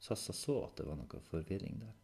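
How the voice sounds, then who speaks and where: A man narrating a children's story chapter with an expressive, dramatic reading. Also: sits low.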